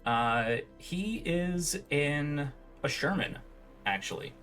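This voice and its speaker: Man improvising as a halting game master. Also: fairly high pitch, expressive, fairly bright tone, clear, resonant tone, soft background music. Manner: halting, self-correcting delivery. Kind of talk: improvised tabletop game narration.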